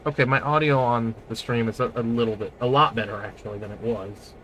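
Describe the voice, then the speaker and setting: A man's voice: medium pitch, steady tone, quick pace, a bit bright, a little hiss or hum, rough recording. A man streaming a train game, chatting casually in a jokey, self-mocking way and laughing often. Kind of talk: casual gameplay chat.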